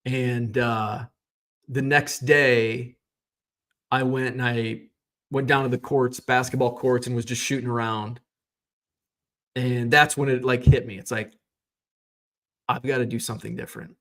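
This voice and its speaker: A man's voice: mid-range voice, steady tone, a little slow, long pauses, fairly bright tone. A man in his thirties, a sports card seller, telling a casual personal story in a rambling, self-correcting way with the odd chuckle. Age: 30s.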